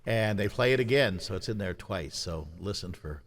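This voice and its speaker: A man's voice: on the low side, expressive, moderate pace. A man co-hosting a podcast, chatting casually about movie soundtracks and rattling off songs and their writers. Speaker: podcast co-host.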